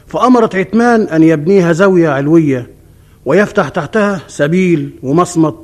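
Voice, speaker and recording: A man's voice: high voice, natural voice. A man playing a traditional Arabic café storyteller, declaiming a folk epic in a formal radio-drama manner. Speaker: storyteller narrator.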